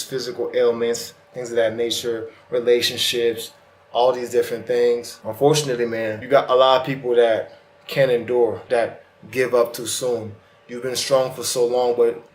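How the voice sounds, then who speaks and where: A man's voice: medium pitch, echoey room, a little hiss or hum. A man with slightly lisping, slurred speech from a retainer, giving a casual, earnest motivational monologue straight to the viewer. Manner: casual, colloquial, earnest direct address. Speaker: host of self-help vlog.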